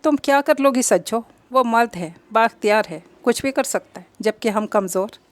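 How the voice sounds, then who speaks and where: A woman's voice: on the high side, normal speed, dry recording, natural voice. A woman reading aloud, voicing a worried young mother who is an elder sister, anxious and pleading. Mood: fearful.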